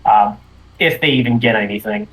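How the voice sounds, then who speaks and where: A man playing a tabletop role-playing game, speaking casually and haltingly as he improvises his character's actions. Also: mid-range voice, poor audio.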